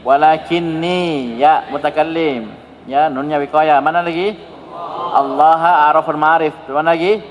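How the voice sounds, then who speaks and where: A man from Indonesia teaching Arabic grammar to a class, prompting his pupils with the same quick questions again and again. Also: on the high side, steady tone. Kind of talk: classroom grammar drill with students. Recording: dull, lo-fi sound with a long hall reverb.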